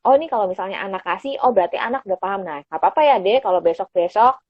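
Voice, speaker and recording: Woman psychologist guest, patient explainer, husky tone, dull phone-stream sound. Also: medium pitch, lively intonation, racing, no room sound. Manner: patient and explanatory, often calls the host by name; casual conversational speech with fillers. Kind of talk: explaining parenting tips in a live chat. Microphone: phone on an Instagram live stream.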